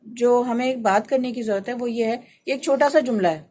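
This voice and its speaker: A woman's voice: a little high, mellow. A woman with a Pakistani Urdu accent hosting a casual advice talk show on FM radio, explaining with homely examples and often checking "right?". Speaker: radio talk show host and life coach.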